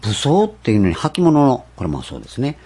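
A man preaching a sermon, stressing points with rhetorical questions and slowing down for scripture. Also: mid-range voice, wildly swooping pitch, darkish tone, slightly rough. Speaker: pastor.

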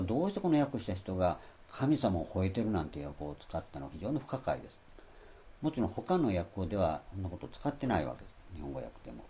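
A man giving a Bible lecture in a rambling sermon style, stressing his points and loudly acting out the phrases he quotes. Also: low voice. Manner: rambling, repeats himself. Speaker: Bible teacher.

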